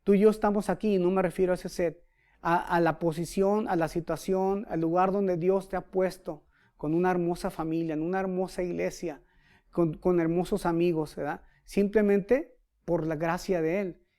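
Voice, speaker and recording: Animated Mexican pastor telling stories. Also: male voice, high voice, normal speed. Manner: animated storyteller, acts out quotes. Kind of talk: sermon with storytelling.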